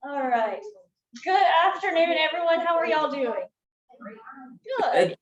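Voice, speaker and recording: A woman's voice: extremely high pitch, expressive, a little slow, roomy sound, lo-fi sound. A woman hosting a museum talk, chatty and casual, with frequent ums. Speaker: museum event host. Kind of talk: friendly welcome and introduction. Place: museum room.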